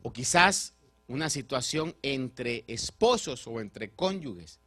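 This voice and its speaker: A man preaching a sermon as pastor, swinging between loud and soft and putting rhetorical questions to the congregation. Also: mid-range voice, animated, takes it slowly, faint music behind.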